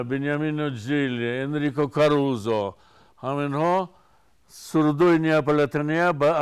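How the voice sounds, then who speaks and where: A Tajik-accented man in his seventies, a singer from Tajikistan, telling stories in an unhurried way with frequent restarts during an interview. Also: mid-range voice, smooth. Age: 70s.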